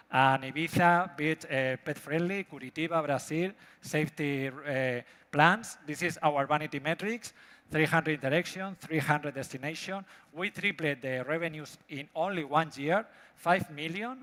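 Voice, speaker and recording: A man with a Spanish accent presents a startup product live on stage. His voice sits slightly high for a man, and he speaks broken English with halting, non-native phrasing. It rings with the long reverb of a large hall. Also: fairly bright tone. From Spain. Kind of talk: live pitch presentation with demo.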